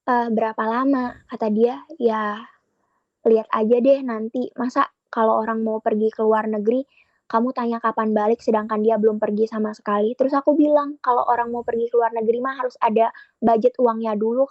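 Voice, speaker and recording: A woman's voice: on the high side, steady tone, normal speed, no room sound, dull audio. A young woman telling a podcast host about her relationship in casual chat, retelling both sides of the conversation. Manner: chatty, retells conversations with quoted dialogue. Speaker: guest sharing a relationship story.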